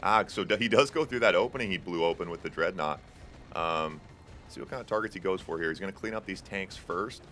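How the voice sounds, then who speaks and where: Here the young host and caster of a tournament stream calls a strategy game in a brisk, fairly bright voice that sits low. The commentary is relaxed and chatty, heavy on fillers and jokes aimed at chat, with a little hiss or hum in the audio.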